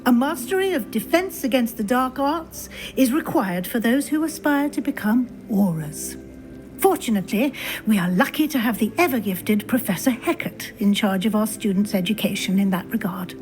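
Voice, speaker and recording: An actress playing a brisk, encouraging wizarding school professor in a video game, formal and articulate, with a British accent. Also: female voice, fairly high pitch, lively intonation, darkish tone, faint music behind, close to an everyday voice. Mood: formal, informative. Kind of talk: scripted video game dialogue.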